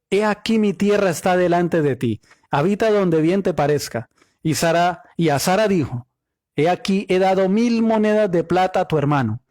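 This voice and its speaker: A man's voice: fairly high pitch, a little mellow, no echo, studio quality. A man teaching a Bible study, reading scripture aloud and explaining the Hebrew meaning of words, often asking rhetorical questions.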